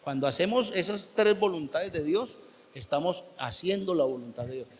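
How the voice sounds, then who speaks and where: A man's voice: on the high side, animated, normal speed. A man with a Colombian accent, a pastor preaching a sermon, telling a story and acting out the dialogue with emphatic delivery. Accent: Colombian Spanish. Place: church sanctuary. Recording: long church hall reverb.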